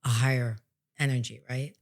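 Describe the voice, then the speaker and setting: A woman with a bass voice speaks at a normal speed with fairly even intonation. She is a plain-spoken psychic medium and podcast host, casually explaining her spiritual healing work in a conversational way.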